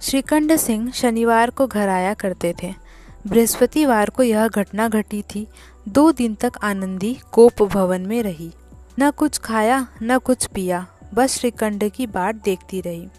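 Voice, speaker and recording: A woman narrating a classic short story as a storyteller, with a measured, deliberate reading. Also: medium pitch, darkish tone, faint music behind.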